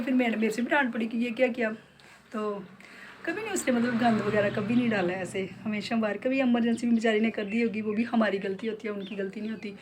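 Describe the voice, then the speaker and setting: A middle-aged woman with a Jammu accent, a beauty salon owner chatting casually and heartfelt in her vlog. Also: fairly high pitch. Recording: noisy background.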